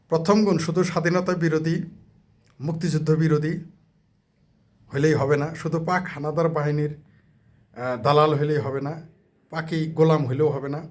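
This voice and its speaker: Male political commentator, mocking and heated, slightly high voice, fires rhetorical questions. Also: darkish tone. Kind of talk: ranting political monologue.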